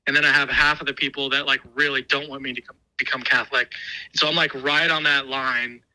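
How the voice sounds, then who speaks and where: A man's voice: mid-range voice, little pitch movement, brisk, sharp tone, rough recording. Man calling in over speakerphone. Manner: thoughtful, hesitant, many "like" fillers. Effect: heard over a speakerphone. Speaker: guest calling in. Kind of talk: casual call-in conversation. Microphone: phone call played over speakerphone.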